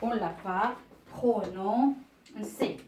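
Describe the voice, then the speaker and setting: A woman teaching a beginner French reading lesson, explaining slowly and patiently, often pausing with "euh" and asking the class to look. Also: medium pitch, darkish tone, reverberant, far from the mic, slight background noise. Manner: slow, patient explaining with many "euh" and "regardez".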